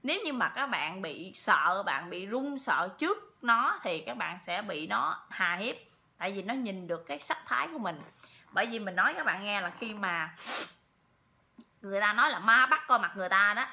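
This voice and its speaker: A woman's voice: mid-range voice, expressive, normal speed, bright, forceful tone. A woman telling a story to her viewers in a chatty way, repeating words often. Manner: chatty, with many repeats and fillers. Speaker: vlogger.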